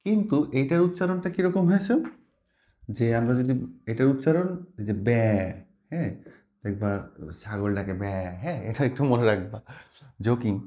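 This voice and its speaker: A man's voice: medium pitch, expressive, a little fast, dark tone. A man teaching a pronunciation lesson, patiently repeating words and letters and mixing in English terms. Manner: mixes in English words while explaining. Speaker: language teacher.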